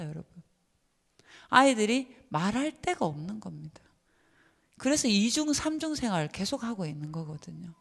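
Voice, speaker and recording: A woman giving a seminar lecture to church teachers, emphatic and lively, often putting questions to her listeners. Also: mid-range voice, creaky. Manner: lively and emphatic, asks the audience many questions. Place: church hall. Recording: long reverb of a church hall.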